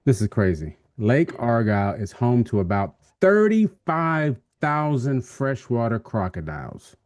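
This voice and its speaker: Man, middle-aged, podcast co-host, lively joking chat, dry sound. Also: medium pitch, unhurried, no room sound. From Texas. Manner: animated, joking storyteller with frequent "right?". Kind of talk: casual chat.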